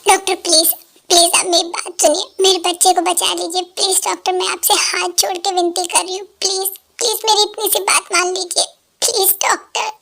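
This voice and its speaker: Dying mother, urgent and begging, a woman dubs her in a very high pitch. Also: level tone, brisk, gravelly, bright, forceful tone, full character voice. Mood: desperate begging. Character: dying young mother, desperate. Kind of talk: Hindi fan dub.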